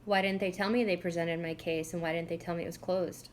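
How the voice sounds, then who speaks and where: A woman's voice: fairly low pitch, steady tone, quick pace. A woman from the United States giving an informal personal account, questioning and aggrieved. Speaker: narrator recounting own police case. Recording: clearly noisy home-style recording.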